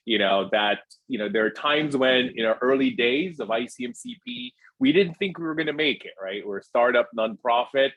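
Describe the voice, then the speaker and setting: A man's voice: mid-range voice, normal speed, few pauses, no echo, muffled recording. A man hosting an online call, talking in a casual, playful way. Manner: playful, animated teasing.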